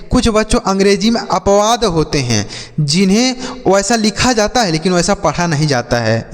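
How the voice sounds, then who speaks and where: Man teaching phonics in an echoing hall. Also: fairly high pitch. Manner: drills with repeated questions and answers; addresses viewers as children. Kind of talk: classroom-style video lesson.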